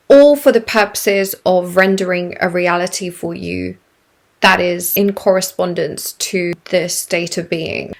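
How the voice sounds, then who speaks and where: A congested woman with croaky vocal fry, explaining self-help ideas to her viewers in a reflective way. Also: lowish voice. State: congested from a sinus illness. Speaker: YouTube creator.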